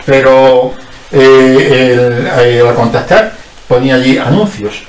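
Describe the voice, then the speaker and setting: A man's voice: medium pitch, slow pace, recorded from a distance. A man as a guest in a casual radio-style conversation, explaining at length in a rambling way with many restarts. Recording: roomy sound from off-mic.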